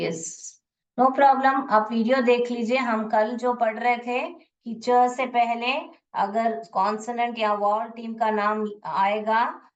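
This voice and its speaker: A woman's voice: a little high, muffled recording. A woman teaching an online phonics lesson, sounding out words syllable by syllable and patiently asking her class questions. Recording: voice a little distant from the mic.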